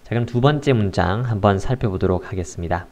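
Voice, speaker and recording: A man's voice: on the low side, a little mellow. Man teaching with many filler sounds. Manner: unhurried, with frequent filler sounds. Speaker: English teacher. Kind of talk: casual explanatory lesson.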